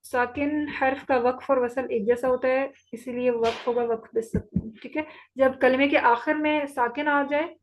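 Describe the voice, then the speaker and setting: Over lo-fi sound, a high-pitched woman with a steady tone teaches an online Quran recitation lesson. She patiently goes through each rule slowly, repeating it and checking that her students keep up.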